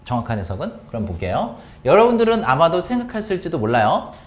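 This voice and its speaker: A man teaching English exam grammar to high school students in Korean, asking questions and answering them himself. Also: wildly swooping pitch, fast. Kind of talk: explaining an exam passage to students.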